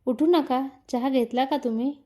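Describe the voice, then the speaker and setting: A woman voicing a shy young wife who speaks gently and politely. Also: high voice, normal speed. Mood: caring.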